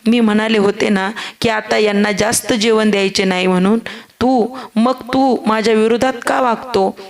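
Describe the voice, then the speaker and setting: A woman's voice: a little high, steady tone, moderate pace, vocal fry. A woman voicing a harsh, scolding sister-in-law in a told story, with a contemptuous manner. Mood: scornful. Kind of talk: storytelling narration.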